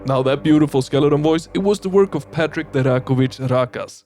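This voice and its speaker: A man's voice: a little high, fairly quick, darkish tone, faint music behind. A man giving a casual scripted video game review in a colloquial, emphatic, playful way.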